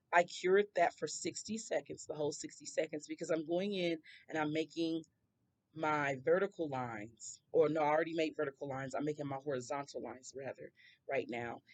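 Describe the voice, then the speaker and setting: A woman with a hoarse, scratchy voice talks viewers through a nail tutorial in a chatty way, drifting into rambling asides. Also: low-pitched, moderate pace, a little mellow. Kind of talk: casual tutorial voice-over.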